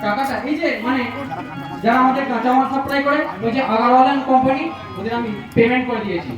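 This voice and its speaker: Hammy, high-voiced young schemer, played by a man. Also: fast. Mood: evasive. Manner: hammy, exclamatory stage delivery. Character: scheming, cocky younger man cheating in family business. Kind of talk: Bengali jatra folk theatre acting. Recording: dull, echoey, far-off stage recording with music.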